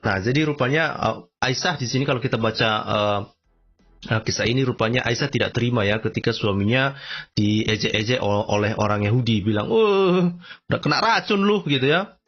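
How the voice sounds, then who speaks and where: Slangy man with sudden high exclamations. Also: a little fast, a bit bright. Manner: slangy, emphatic, repeats "coy", frequent sudden high-pitched exclamations. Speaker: religious commentator. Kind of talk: casual commentary reading texts aloud. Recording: dull lo-fi recording.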